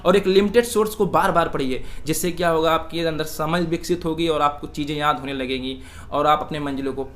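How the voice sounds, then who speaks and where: A man's voice: a little high, a little fast, hardly any pauses, a bit bright. A young man answering interview questions earnestly, giving advice and calling the interviewer sir. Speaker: exam aspirant being interviewed.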